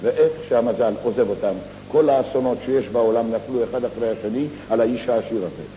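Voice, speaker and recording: A man telling comic stories on stage, in a lively theatrical monologue full of slangy asides. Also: mid-range voice, a little hiss or hum. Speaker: stage comedian. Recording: echoey live theater hall recording.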